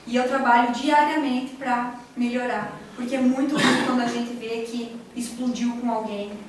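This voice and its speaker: High-voiced woman lecturing in an echoey hall. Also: slight background noise. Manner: earnest, personal storytelling, audience-addressing. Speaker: lecturer at a spiritist center. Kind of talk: spiritual lecture. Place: large echoey hall, recorded from afar. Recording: very echoey distant hall recording.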